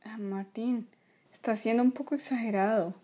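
A woman voicing a gentle, worried toy mother who speaks softly and soothingly in a toy play video. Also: fairly high pitch, steady tone, moderate pace, close to an everyday voice. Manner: soft, soothing, apologetic.

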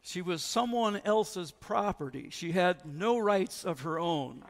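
Male pastor, sermon, conversational, high and gravelly, long church echo. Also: animated, slow pace. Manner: conversational, asks the congregation questions. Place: church sanctuary.

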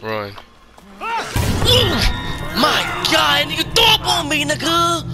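A man's voice: extremely high pitch, big pitch swings, takes it slowly, loud music behind the voice. A man doing casual, slangy horror game commentary, screaming and shrieking in terror at the scares. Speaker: gamer reacting to a horror game he plays. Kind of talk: let's-play commentary, casual slangy chat.

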